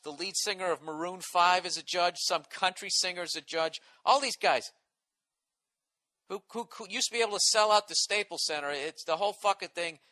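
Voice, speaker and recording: A man's voice: high voice, pushed and bright. A man in his forties with a Boston accent, ranting and swearing on his solo podcast, exasperated. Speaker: podcast host.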